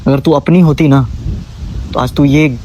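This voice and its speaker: Young man, emotional vlog, scolding and pleading, slightly high pitch. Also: steady tone, measured pace, mellow, a little hiss or hum. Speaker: vlogger. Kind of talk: emotional direct-to-camera vlog.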